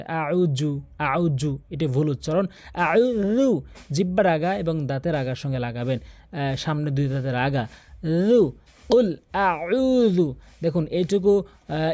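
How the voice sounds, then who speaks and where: An earnest man teaches tajweed with a Bangladeshi Bengali accent, sounding out each Arabic letter slowly and more than once. His voice sits a little high for a man. The recording is dry and close. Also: darkish tone, dry recording. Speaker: Quran recitation teacher. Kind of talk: tajweed pronunciation lesson.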